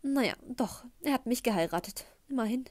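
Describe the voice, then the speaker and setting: A woman voicing a gushing, tactless middle-aged mother who talks loudly and effusively. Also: on the high side, expressive, a little fast, dry recording, voice pushed up. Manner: loud, effusive, embarrassing chatter.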